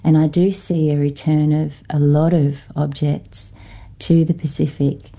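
Appearing as a guest academic on a radio program, a Norfolk Island woman with an Australian-tinged accent talks thoughtfully, pausing often and using fillers. Her low-sitting voice is mellow and level.

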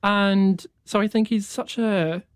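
A young conducting student from New Zealand, whose first language is Afrikaans, is a guest answering interview questions. Her medium-pitched voice is steady, clear and resonant, and she speaks enthusiastically but haltingly, with many fillers. The studio recording is clean, with no room sound.

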